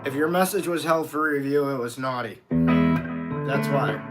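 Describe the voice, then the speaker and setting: A man's voice: mid-range voice, sing-song, unhurried, loud music behind the voice. A man in his fifties live-streaming as a musician, chatting casually with viewers, greeting them by name and swearing freely. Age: 50s.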